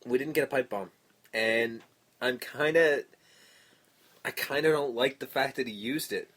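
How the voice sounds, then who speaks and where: A man's voice: medium pitch, a little slow, fairly bright tone, breathy edge. A man co-hosting a podcast in casual chat, blunt and opinionated, swearing often, and stuffed up. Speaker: podcast co-host.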